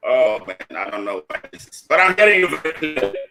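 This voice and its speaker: A man's voice: fairly high pitch, very animated, quick pace, noisy background. Man on a breaking-up internet call. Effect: voice breaking up over a bad internet connection. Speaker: guest.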